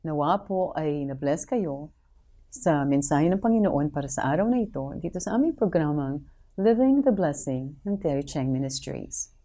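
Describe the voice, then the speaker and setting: A woman pastor giving a polite, measured closing address to viewers. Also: sits low, lively intonation, dark tone.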